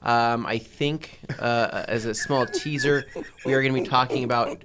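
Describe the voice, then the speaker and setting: A man in his thirties hosts a casual podcast, talking in an easygoing, rambling way full of fillers. His voice sits at an ordinary middle pitch. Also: steady tone, moderate pace, noisy background. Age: 30s. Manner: laid-back, rambling with fillers. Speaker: podcast host.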